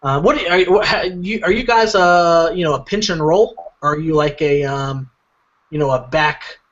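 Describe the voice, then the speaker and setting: A man's voice: on the high side, moderate pace, muffled recording. A man telling a long story on a casual comedy podcast, rambling with lots of fillers. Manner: rambling, filler-heavy, animated retelling. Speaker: podcast co-host.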